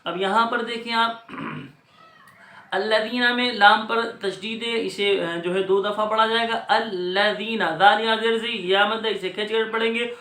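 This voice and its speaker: A man teaching Quran recitation, explaining each letter and vowel step by step in a brisk, patient way. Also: high-pitched, steady tone, sharp tone, roomy sound. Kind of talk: spelling out recitation rules.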